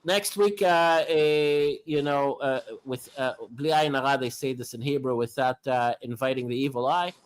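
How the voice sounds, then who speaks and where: A man in his fifties chatting casually outdoors, halting and full of fillers and restarts. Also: mid-range voice, smooth, poor audio. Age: 50s. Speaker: homeless livestream regular. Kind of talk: casual chat on a livestream.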